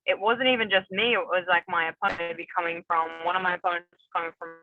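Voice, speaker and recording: A woman's voice: fairly low pitch, fairly even intonation, quick pace, faint music behind. A young woman from New Zealand, an MMA fighter, chatting casually as an interview guest, rambling with many fillers and restarts. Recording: tinny phone-like remote call, dry.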